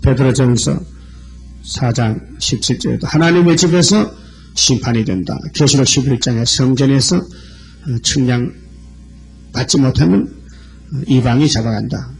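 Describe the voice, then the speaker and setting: A man's voice: medium pitch, a little slow, vocal fry, long pauses, soft background music. A man preaching a sermon, reading scripture verses aloud and explaining them one by one. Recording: old lo-fi church sermon tape.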